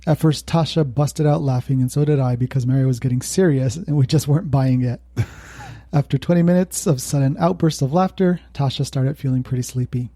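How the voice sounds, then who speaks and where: A man's voice: medium pitch, fairly quick, dark tone, no room sound, clean studio sound. A male podcast co-host telling a spooky story in casual chat, laughing now and then. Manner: laughs while telling a creepy tale.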